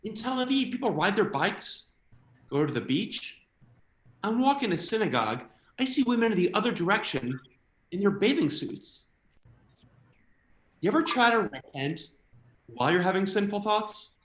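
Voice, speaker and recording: An American man performing a stand-up comedy routine, animated, slipping quickly into quoted voices. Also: high-pitched, reverberant. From United States.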